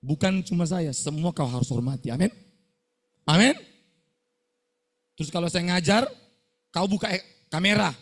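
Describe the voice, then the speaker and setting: A man's voice: high-pitched, normal speed, pauses often. A middle-aged male pastor, preaching a scolding sermon to students and firing call-and-response questions at them.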